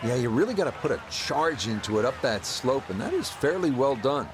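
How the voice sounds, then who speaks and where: A man giving measured, polished golf commentary as the lead announcer of a televised tournament in a video game. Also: mid-range voice, big pitch swings, noisy background, close to an everyday voice. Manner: measured, polished broadcast delivery.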